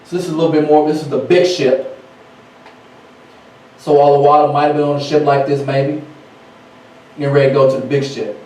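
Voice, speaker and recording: Animated man teaching in an echoey hall. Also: fairly high pitch, a little fast, long pauses, recorded from a distance. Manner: animated, reads aloud then riffs in casual speech. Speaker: teacher at a ministry. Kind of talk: sermon-style Bible teaching.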